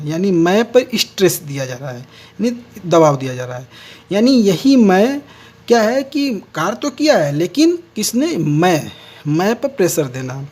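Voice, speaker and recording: Walking through his lecture on speech errors one step at a time, this man keeps coming back to key words and restating them. His voice is high and a little mellow.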